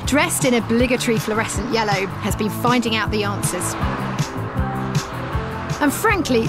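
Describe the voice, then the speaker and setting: A woman delivers scripted nature documentary narration in a fairly high voice. Music plays clearly behind her as she tells the story.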